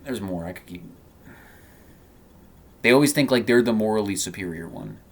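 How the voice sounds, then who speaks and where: Thirties male vlogger, lowish voice, halting rambling delivery, faint background hiss. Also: lively intonation. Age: 30s. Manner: halting and rambling, full of fillers and restarts. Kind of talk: personal vlog monologue.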